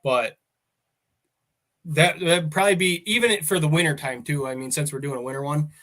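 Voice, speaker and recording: A man's voice: a little high, a little fast, a bit bright. Casual rambling farmer man. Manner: rambling, storytelling, laughs often. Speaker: farmer guest. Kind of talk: casual chat.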